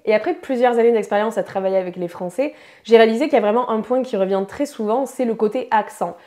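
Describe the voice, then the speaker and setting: A young woman from France, a pronunciation teacher, giving a chatty, upbeat online lesson and drilling words slowly. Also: on the high side, darkish tone.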